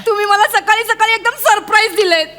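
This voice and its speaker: A woman plays a naive tourist, overexcited about seeing a tiger, her voice very high and giggly. She whoops and chatters at the guide. Music plays clearly behind the stage skit. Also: fairly even intonation, fast talker. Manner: giggly, naive, mixes English and Marathi words. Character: silly overexcited female tourist on safari.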